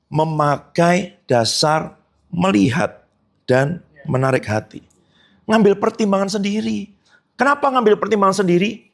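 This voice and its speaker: A man preaching a sermon as pastor, asking the congregation rhetorical questions and slipping in casual joking asides. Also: creaky. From Indonesia. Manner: animated preaching with sudden high emphatic jumps and rhetorical questions.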